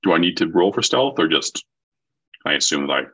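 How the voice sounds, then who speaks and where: A man's voice: low-pitched, lively intonation, fairly quick, fairly bright tone, breathy edge. A man chatting casually as a player in a tabletop game.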